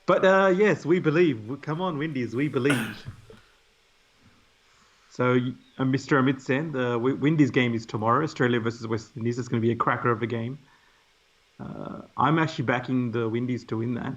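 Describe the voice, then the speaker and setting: A man's voice: mid-range voice, brisk, slight background noise. A man co-hosting a live cricket stream in casual chat, reading out viewer comments. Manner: chatty, reads out viewer comments. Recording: muffled lo-fi stream audio.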